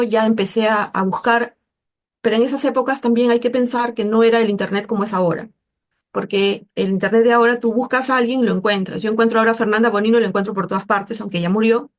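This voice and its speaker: A middle-aged Peruvian woman in a casual interview, talking in a chatty, animated way and often tagging her sentences with a questioning "¿no?". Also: medium pitch. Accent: Peruvian Spanish. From Peru. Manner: chatty, animated, mimics voices in quotes, frequent "¿no?". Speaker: interviewee, artist.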